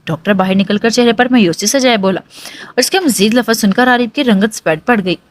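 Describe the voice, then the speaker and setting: A woman's voice: a little high, no echo. A woman narrating a romance novel in an emotional, dramatic reading.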